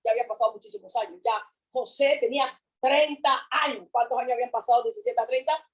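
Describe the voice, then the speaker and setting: High-voiced fervent woman preaching. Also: quick pace, low-quality recording. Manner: fervent, repeats phrases, swings from loud to hushed. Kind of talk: sermon.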